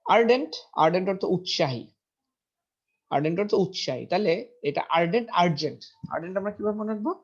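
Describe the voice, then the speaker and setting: Higher-voiced man teaching vocabulary. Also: lively intonation, fast. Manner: repeats words, checks pronunciation aloud. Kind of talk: vocabulary lesson. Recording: dull lo-fi recording.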